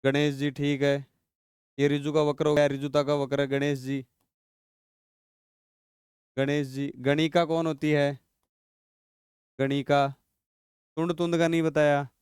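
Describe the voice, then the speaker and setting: A man teaching an online exam-prep grammar class, quizzing his students and repeating each word slowly so they catch it. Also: a little high, flat delivery, a little mellow, smooth, no room sound, studio quality.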